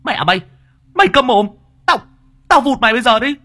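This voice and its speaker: A man's voice: very high voice, lively intonation, brisk, sharp tone, voice pushed up, heavily acted. A man voicing a panicky, cheeky young male laborer who stammers and talks frantically. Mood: furious.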